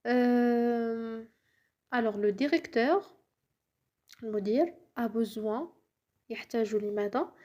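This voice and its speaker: A woman's voice: on the high side, slow, pauses often, dark tone. Encouraging woman teaching French. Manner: patient, encouraging, often checks understanding with "d'accord?"; drops into whispers to model pronunciation. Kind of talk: casual language lesson, switching between French and Arabic.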